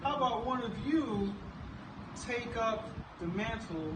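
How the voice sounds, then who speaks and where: A man playing an earnest, self-important university wrestler in a skit, with formal, deliberate wording. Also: very high voice, expressive, full character voice. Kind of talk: backstage wrestling skit promo. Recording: echoey, noisy room, distant mic.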